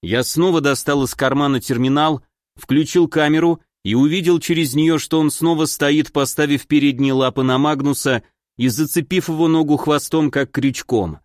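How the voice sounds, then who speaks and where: A man reading a first-person audiobook in a steady, expressive storytelling manner. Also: fairly high pitch, moderate pace, no echo, studio quality. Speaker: audiobook narrator.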